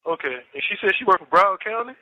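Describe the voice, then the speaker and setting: A man's voice: high voice, lively intonation, very fast, no echo. A man calling family from a jail payphone, chatting casually and laughing between lines. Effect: heard over a jail payphone line. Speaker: inmate caller. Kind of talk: casual phone chat with family. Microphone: payphone handset. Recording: tinny phone line.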